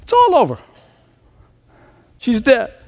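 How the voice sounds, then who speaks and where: A male preacher giving a sermon in an animated way, laughing often and quoting scripture. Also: extremely high pitch, slow pace, in a large hall.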